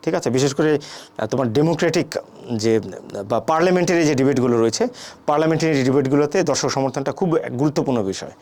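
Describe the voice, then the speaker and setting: A man's voice: mid-range voice, quick pace, a little mellow. A man teaching a debate class, who often asks the students a question and answers it himself, with frequent "thik ache" and "ah" fillers. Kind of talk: classroom lecture.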